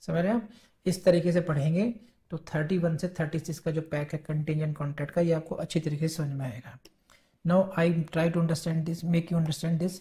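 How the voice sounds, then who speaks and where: A woman with an Indian English accent teaching an exam-prep law lecture. She mixes Hindi and English and reads the statute text slowly, word by word, before explaining it. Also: deep voice, fairly even intonation, dark tone.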